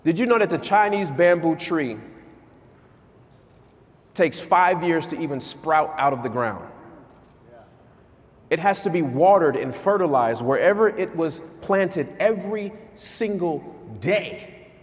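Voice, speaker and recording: A man in his thirties giving an energetic motivational keynote on stage in a large conference hall, asking the crowd questions. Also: on the high side, a little slow, long pauses. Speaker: keynote speaker. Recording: long hall reverb.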